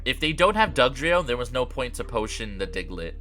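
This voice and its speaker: A young man with a congested, nasal voice from allergies, chatting casually through a card game with frequent fillers and throat clearing. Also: mid-range voice, big pitch swings, brisk, sharp tone, faint music behind. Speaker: gaming creator. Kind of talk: casual gameplay commentary.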